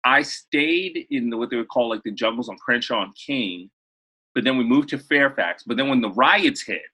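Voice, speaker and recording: A man in his thirties from Los Angeles, talking as an interview guest in a loose, rambling way full of fillers and restarts. His voice is husky and breathy, yet he pushes it forward with a bright, forceful edge. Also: mid-range voice, moderate pace, low-quality recording. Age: 30s. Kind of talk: casual interview storytelling.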